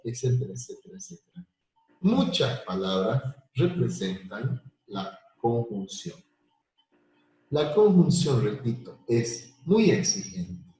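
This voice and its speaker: A man teaching a live online math lesson, explaining slowly with repetitions and everyday examples. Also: medium pitch, dark tone. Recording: very echoey room.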